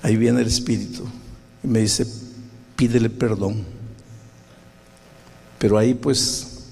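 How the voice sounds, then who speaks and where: Gravelly preacher in a reverberant hall. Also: male voice, steady tone, moderate pace, darkish tone. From Peru. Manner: storytelling preacher, acts out dialogue with sudden high-pitched outbursts. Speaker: pastor. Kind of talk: sermon.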